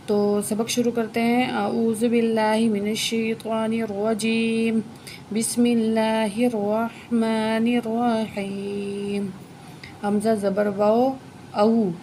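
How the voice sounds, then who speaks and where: Gravelly-voiced woman teaching recitation. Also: mid-range voice, darkish tone, slight background noise. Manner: explains each letter, then recites slowly and drawn out. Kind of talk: word-by-word recitation lesson.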